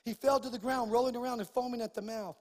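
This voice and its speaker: A man with a husky, unusually high voice preaches a sermon, telling stories and rising to forceful declarations. His voice carries a long reverb through a large church hall. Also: quick pace. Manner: animated storytelling preacher, rising to loud emphatic declarations. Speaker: pastor.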